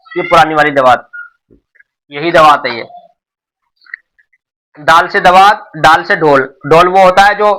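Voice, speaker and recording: In a classroom-style lesson on the alphabet for beginners, a middle-aged man who teaches Urdu goes over material patiently and repetitively, with many restarts. His voice is a little high, bright and forceful, on a rough recording.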